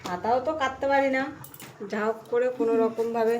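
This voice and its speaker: Casting: woman, highish voice, chatty homely cooking vlogger, recorded in an echoing room with kitchen noise. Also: fairly even intonation, a little fast, lo-fi sound. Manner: chatty, homely, asking viewers small questions. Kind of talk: casual cooking vlog chat. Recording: echoey room, clear background noise, kitchen clatter.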